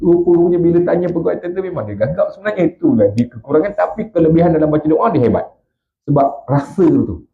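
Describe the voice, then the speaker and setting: A man's voice: fairly high pitch, animated, fast, gravelly, a little hiss or hum. A Malaysian man, a religious teacher giving an evening lecture in a prayer hall, telling stories with emotion and asking the congregation questions. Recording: echoey, dull lo-fi hall recording.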